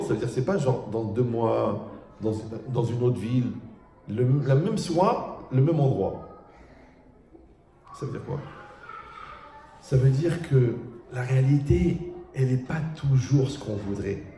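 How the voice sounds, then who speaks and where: A man's voice: a little slow, pauses often, a little hiss or hum. A man, a rabbi, giving a humorous religious talk to an audience, telling anecdotes and imitating the people in them. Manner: animated storytelling, mimics people with raised pitch. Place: lecture hall with a live audience. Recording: echoey hall.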